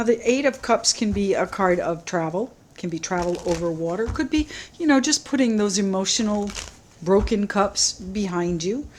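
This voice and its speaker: A woman giving a solo tarot reading to camera, musing gently and repeating her phrases, a little choked up. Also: mid-range voice, slight background noise, rough recording. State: slightly choked up, clearing throat. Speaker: tarot reader.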